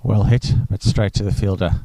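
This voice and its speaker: Deep-voiced cricket commentator. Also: male voice, steady tone, normal speed, dark tone, dry recording, low-quality recording. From South Africa. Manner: chatty, rambling, enthusiastic asides. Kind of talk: live sports commentary.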